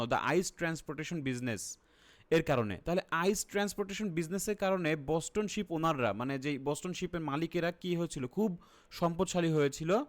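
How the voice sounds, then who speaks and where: A man with a Bangladeshi accent teaching an exam-prep lesson online. He keeps asking his viewers questions and then answers them himself. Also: a little high. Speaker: IELTS teacher.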